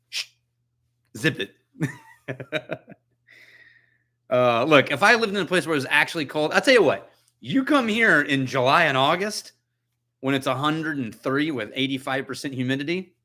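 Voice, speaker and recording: A man with a bright, forward voice hosts a relaxed whisky tasting livestream from his own home. He chats and jokes with viewers, thinks out loud between sips and answers their comments as they come in. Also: a little high, normal speed. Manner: chatty, joking, thinks aloud while tasting. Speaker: whisky channel host. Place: his own chilly house.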